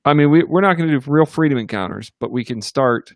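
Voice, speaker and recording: A man's voice: on the high side, expressive, quick pace, no room sound. A man co-hosting a casual ministry livestream from a home studio, talking loosely with many fillers and restarts. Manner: rambling, upbeat, lots of fillers and restarts. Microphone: computer or webcam mic in a home studio.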